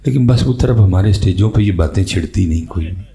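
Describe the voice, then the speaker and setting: A man giving a religious talk at a conference, opening with slow chanted recitation and then preaching in a close, conversational way. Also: low voice, vocal fry, dark tone. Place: conference stage.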